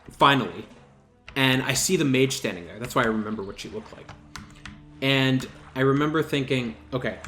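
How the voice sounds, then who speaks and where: A man hosting a gaming channel, telling a story over gameplay in an animated, exasperated and self-mocking way. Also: mid-range voice.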